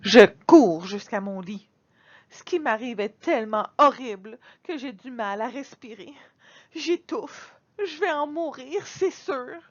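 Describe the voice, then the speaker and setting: Expressive woman reading a picture book. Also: on the high side, unhurried, highs cut off. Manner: expressive, dramatic storytelling. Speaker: storybook reader.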